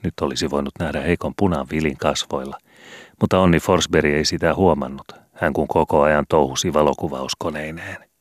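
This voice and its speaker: A man narrates a children's book as an audiobook, reading in a steady, measured way. His voice is extremely deep. The recording is close and dry. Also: dry recording. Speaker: audiobook reader.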